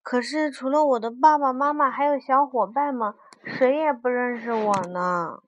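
Mom doing a little kid asking why why why, high childish voice, storybook. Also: female voice, normal speed, highs cut off, slight background noise, natural voice. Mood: sad. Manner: childlike, questioning, wistful. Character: small curious boy asking why he exists.

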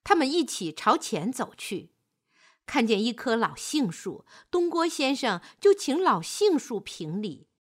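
A woman narrating a children's story in an expressive, deliberate way. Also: a little high, husky.

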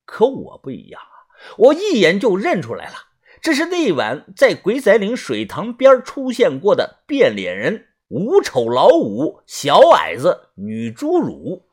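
A man's voice: huge pitch swings, measured pace, slightly rough. A man narrating a suspenseful first-person audiobook, tense and dramatic in delivery. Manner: tense, suspenseful storytelling with strong pitch swings.

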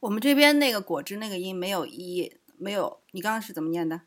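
A woman's voice: medium pitch, fast talker. Female co-host from China, easygoing podcast banter, teasing and light. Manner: playful, laughs easily. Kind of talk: casual chat.

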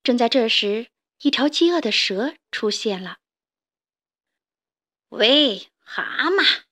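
A woman telling a story to children in a gentle, expressive way. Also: a little high, moderate pace.

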